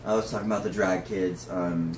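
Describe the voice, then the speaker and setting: A man's voice: deep voice, steady tone, a little fast, a little mellow. A man who is a drag performer, talking casually through notes in a discussion. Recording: roomy, distant mic with faint noise.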